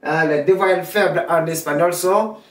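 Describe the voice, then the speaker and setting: Language teacher, slow and repetitive, recorded at a distance in a roomy space. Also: medium pitch. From Haiti. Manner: repetitive drilling, spells words out slowly and repeats them. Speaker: Spanish teacher. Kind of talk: classroom lesson. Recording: roomy echo, distant from the mic.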